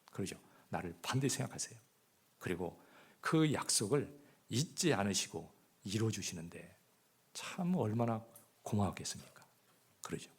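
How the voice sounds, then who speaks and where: Husky Korean-speaking pastor preaching, animated. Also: male voice, on the low side, normal speed. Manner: asks the congregation rhetorical questions; swings between loud emphasis and hushed asides. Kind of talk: sermon. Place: church.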